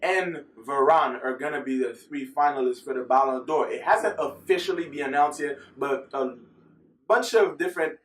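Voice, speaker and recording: A man's voice: medium pitch, moderate pace, echoey room, recorded from a distance. A man talking through football news in a casual, rambling vlog, often correcting himself as he goes. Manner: chatty, rambling, self-correcting. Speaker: football vlogger. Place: filmed at home in the US.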